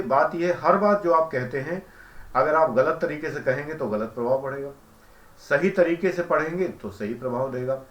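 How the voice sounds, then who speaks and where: A man giving a calm, explanatory devotional lecture as a spiritual teacher, who chants mantras slowly. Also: on the high side, echoey room.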